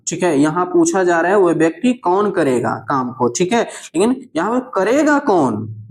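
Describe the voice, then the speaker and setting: A man teaching an exam answer lesson. He reads each question aloud, asks it again, then drops his voice low to give the answer, and he fills the gaps with repeated "theek hai".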